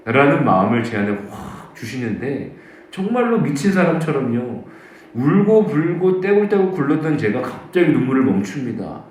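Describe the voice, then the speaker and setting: Very animated yet moderately paced, this pastor's medium, slightly mellow voice fills an echo-heavy church hall, with a touch of hiss or hum. At the dawn service he recounts his own story as testimony, performing the voices of those he quotes.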